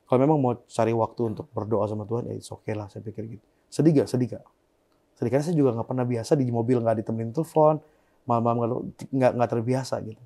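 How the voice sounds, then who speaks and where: A young man appears as an interview guest, sharing a painful personal story at a racing pace with a medium pitch. His delivery is soft and subdued, often trailing off into quiet.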